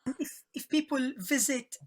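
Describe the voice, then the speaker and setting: A woman with a Lebanese accent, a cookbook author chatting in an interview, expressive and good-humoured, often laughing. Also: high voice, normal speed. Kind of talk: casual interview chat.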